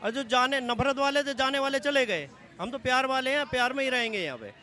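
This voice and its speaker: A man answering a street interviewer in a relaxed way, repeating again and again that nothing troubles him. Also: very high-pitched, a little fast. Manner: easygoing, insistently repeats that there is no problem.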